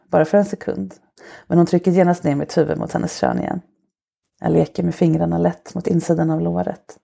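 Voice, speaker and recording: A woman podcast host reading an erotic short story aloud in a slow, soft, intimate way. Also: fairly low pitch, vocal fry.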